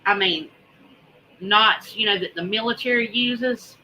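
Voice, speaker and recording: Slow, bright-voiced woman. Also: medium pitch, a little hiss or hum, poor audio. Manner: folksy, drawling, emphatic repetition. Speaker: host of a homesteading preparedness vlog. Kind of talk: casual livestream chat.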